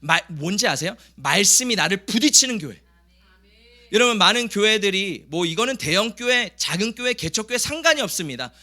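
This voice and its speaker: A male pastor preaches with a high, very bright voice that swings widely in pitch. He keeps firing questions at the congregation and hammers his points home. Now and then he acts out the grumbling crowd in a raised voice. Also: very animated, a little fast. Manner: emphatic, asks the congregation questions. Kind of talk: sermon.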